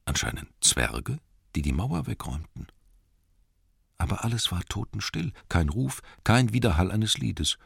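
A man reading a storybook aloud in calm, measured narration. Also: lowish voice, gravelly, husky, dry recording, clean studio sound. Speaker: audiobook narrator. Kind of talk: scripted narration.

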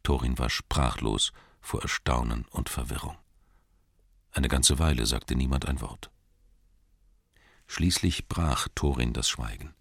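A man narrating an audiobook in an expressive storytelling manner. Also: rumbling low, measured pace, creaky, pauses often, slightly rough, dry recording, studio quality.

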